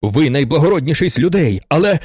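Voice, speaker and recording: A man's voice: fairly high pitch, quick pace, breathy edge, no echo, clean studio sound. A man voicing an agitated aging aristocrat who is theatrical and easily worked up in a storybook reading. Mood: effusive. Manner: excitable and theatrical, swinging between indignation and gushing gratitude. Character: agitated aging male aristocrat, proud and pitying himself.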